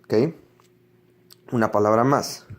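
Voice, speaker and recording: A man's voice: lowish voice, fairly even intonation, slow. A man teaching English pronunciation in a classroom-style lesson, explaining patiently and repeating each example word several times.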